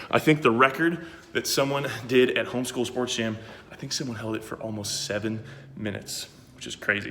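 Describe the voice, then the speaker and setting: A man talks through simple exercises at home in a casual, friendly coaching voice that encourages his young listeners. His pitch sits in a middle range. The room is roomy, with a long reverb trailing every word. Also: slight background noise. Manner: friendly, encouraging, addresses kids directly. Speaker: sports coach.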